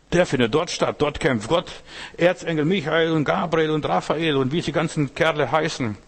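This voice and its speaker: A man's voice: a little high, husky. A man preaching a sermon, speaking emphatically in repeated parallel phrases and addressing the listener directly. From Asia. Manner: repetitive, emphatic preaching with rhetorical questions to the listener.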